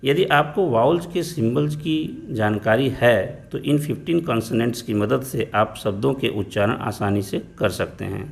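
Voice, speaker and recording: A man teaching pronunciation, explaining each letter and its sound slowly and patiently. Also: medium pitch, vocal fry. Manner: slow, patient, spelling out letters and sounds one by one. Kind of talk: explaining phonetics lesson.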